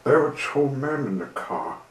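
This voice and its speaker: A man reading a children's train story aloud in an unhurried, gentle storytelling manner. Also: mid-range voice, expressive. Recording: roomy with faint hiss.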